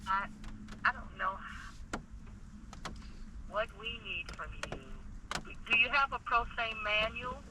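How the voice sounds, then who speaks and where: A man working as a court clerk, heard over a phone line, answering a caller in a hesitant, halting way. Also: very high voice, background noise. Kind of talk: phone call.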